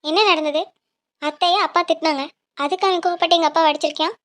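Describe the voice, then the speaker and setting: A woman voicing a quick-tempered young female student, sharp and worried for her family. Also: very high-pitched, steady tone, voice pushed up.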